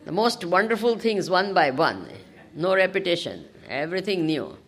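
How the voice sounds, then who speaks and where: A woman with a South Indian accent giving an informal scripture discourse as a spiritual teacher, animated and often prompting her listeners with questions. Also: on the low side, normal speed. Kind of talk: informal scripture discourse to a class, with Sanskrit verses.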